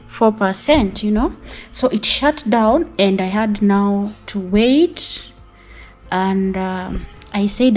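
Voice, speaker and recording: A woman with an East African accent chats to her viewers in a casual vlog style. Her delivery is unhurried and hesitant, broken by pauses and small tags. Faint music plays behind her medium-pitched voice. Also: a little mellow. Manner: hesitant, pausing, repeats "you know". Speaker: YouTube vlogger. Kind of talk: casual talk to camera.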